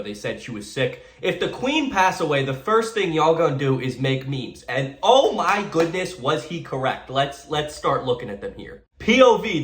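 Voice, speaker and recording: A man's voice: on the high side, roomy sound. A man giving casual, sarcastic comedic commentary while reacting to memes, often stammering and repeating himself.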